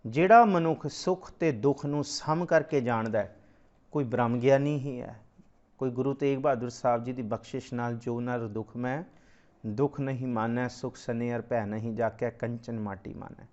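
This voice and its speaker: A man giving a religious discourse in Punjabi style, slowly chanting verses of scripture and then explaining them in plain speech. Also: medium pitch, a little mellow, lo-fi sound. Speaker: Sikh scripture teacher.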